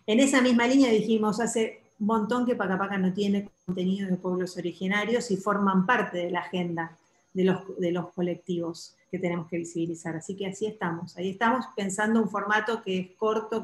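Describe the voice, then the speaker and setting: A woman with an Argentine accent, giving a thoughtful conference talk over a video call, pausing with fillers and restarting her sentences. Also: medium pitch, steady tone, a little hiss or hum. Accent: Argentine Spanish. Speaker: guest speaker. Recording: roomy echo.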